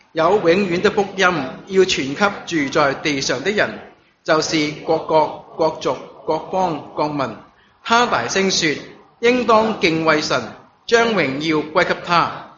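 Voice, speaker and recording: Preacher reading scripture, muffled church recording. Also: male voice, a little high, crowd noise. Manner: measured reading of scripture, halting fillers when speaking freely. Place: church service, also streamed online. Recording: dull lo-fi recording with congregation noise.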